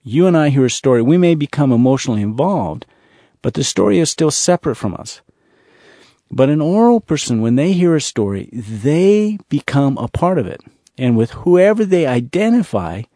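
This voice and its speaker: Male ministry speaker, earnest storyteller, mellow voice, dry close recording. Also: mid-range voice, sing-song, no room sound. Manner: earnest, repetitive storytelling with slow emphasis. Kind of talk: storytelling testimony.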